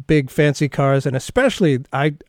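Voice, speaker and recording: A man's voice: a little high, animated, normal speed, darkish tone, dry recording, clean studio sound. A man from the United States hosting a radio interview, asking questions with conversational, sarcastic asides. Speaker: radio host.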